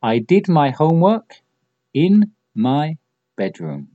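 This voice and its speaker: Patient male teacher, slow and lively. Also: on the high side, dry recording. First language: Spanish. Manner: slow, patient drilling with repeated examples. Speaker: English teacher. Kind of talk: bilingual language lesson. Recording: dull lo-fi audio.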